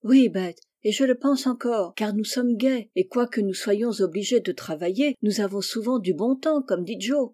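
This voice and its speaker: A woman's voice: medium pitch, moderate pace, hardly any pauses, dark tone, dry recording, clean studio sound, close to an everyday voice. A woman voicing a plaintive young woman, the eldest sister, in a storybook reading.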